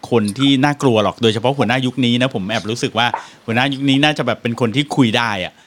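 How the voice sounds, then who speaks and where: A man hosting a podcast, relaxed, with lots of short agreeing sounds in casual chat. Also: mid-range voice, fast talker. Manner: relaxed, back-channels a lot. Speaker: podcast host.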